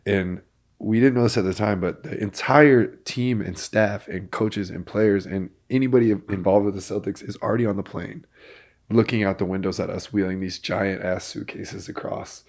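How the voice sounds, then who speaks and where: A man hosting a podcast, telling a story in an animated way that builds to excited bursts. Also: on the low side, moderate pace. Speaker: podcast host. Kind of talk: casual chat.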